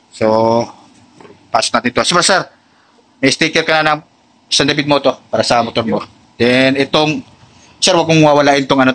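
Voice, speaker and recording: A Filipino motorcycle accessories seller and vlogger with a mid-range, slightly bright voice chats casually while showing products to a customer and viewers, often addressing the customer respectfully. Vehicle sounds fill the noisy location.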